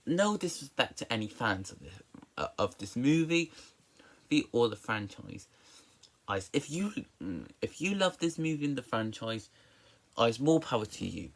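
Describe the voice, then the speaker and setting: Someone with a medium-pitched voice gives a casual, opinionated movie review. They sound exasperated and emphatic, frequently stammering and repeating words and syllables.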